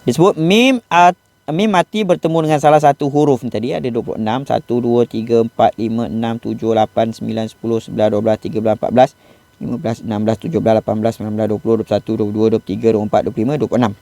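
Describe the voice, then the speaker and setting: A man's voice: mid-range voice, fairly even intonation, vocal fry, a little mellow, no echo. Malaysian man teaching Quran recitation. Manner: patient and explanatory, slows down to model Arabic recitation. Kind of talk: classroom lesson on recitation rules.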